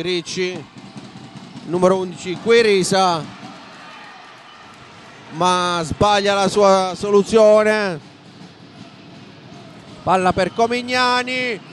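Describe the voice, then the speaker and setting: A man with an Italian accent giving live basketball play-by-play commentary from a sports hall, raising his voice excitedly at big plays. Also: sits high. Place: indoor basketball arena. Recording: noisy sports hall ambience.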